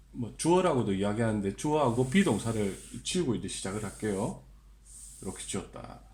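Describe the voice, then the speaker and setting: A man teaching a beginner English grammar lesson, explaining slowly, asking the viewer questions and drilling example sentences in a deliberate voice. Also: a little high, darkish tone, reverberant.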